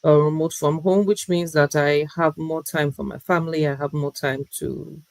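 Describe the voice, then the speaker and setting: A woman guest in an interview, talking in a reflective, measured way with frequent pauses. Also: sits low, fairly even intonation, a little mellow, dry recording, low-quality recording. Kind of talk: interview conversation.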